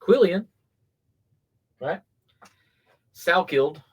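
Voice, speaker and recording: A man co-hosts a casual podcast and runs through fight records in a plain, matter-of-fact way. His voice sits a touch higher than most men's. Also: animated, very slow, husky. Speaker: podcast co-host. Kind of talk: casual podcast chat, reading fight stats.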